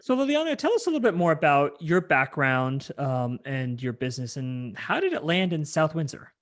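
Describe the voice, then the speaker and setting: A man's voice: a little high, very animated, moderate pace. A man hosting a business talk show, reading a sponsored intro and then asking questions. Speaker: host.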